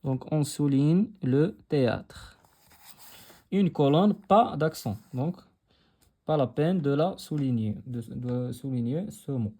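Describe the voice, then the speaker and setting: A man's voice: mid-range voice, expressive, takes it slowly, dark tone, a little hiss or hum. A young Moroccan man teaching a lesson in a patient way, repeating his phrases and switching between French and Arabic. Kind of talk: explaining a textbook lesson.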